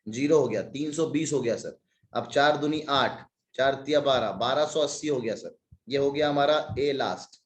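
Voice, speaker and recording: A man's voice: mid-range voice, roomy sound. A man teaching a maths class online, working sums aloud step by step with joking asides, slightly stuffy from a cold. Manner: talks through sums step by step, jokey asides.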